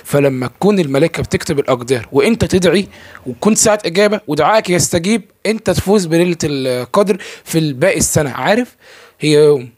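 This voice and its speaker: A man's voice: fairly high pitch, rapid-fire, a little mellow, no echo. A young man with an Egyptian Arabic accent giving a casual religious talk to camera. He asks himself questions and answers them, and he often stalls on repeated fillers. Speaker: religious speaker. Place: filming himself indoors.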